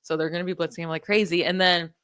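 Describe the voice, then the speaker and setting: A woman with a New York accent co-hosting a sports podcast, chatting casually and confidently, dropping stats with quick asides. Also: on the low side, fairly even intonation, a bit bright, smooth, no echo. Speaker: podcast co-host.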